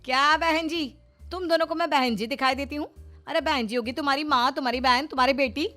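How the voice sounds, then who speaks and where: A woman voicing a loud, bossy, youthful mother-in-law in a cartoon story who scolds and snaps quickly. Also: expressive, soft background music. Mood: angry scolding. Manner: shrill, scolding, quick-tempered.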